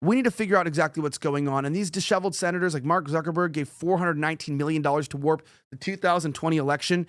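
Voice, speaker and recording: A male host of a news commentary show talks fast and rambles, tossing in sarcastic asides. His voice sits fairly high. The recording is dry and close. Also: a bit bright, dry recording.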